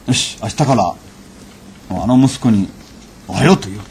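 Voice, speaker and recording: A man giving a lecture and telling an anecdote in a measured, unhurried way, with frequent fillers. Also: lowish voice, a little mellow, slight background noise. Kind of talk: storytelling lecture.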